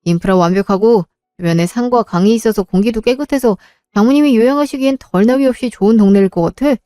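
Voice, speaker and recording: A woman voicing a devoted young husband in an audio drama, speaking softly and reassuringly. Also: on the high side, quick pace, dry recording, studio quality, lightly acted. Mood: tender. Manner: soft, reassuring, earnest. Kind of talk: Korean audio drama acting.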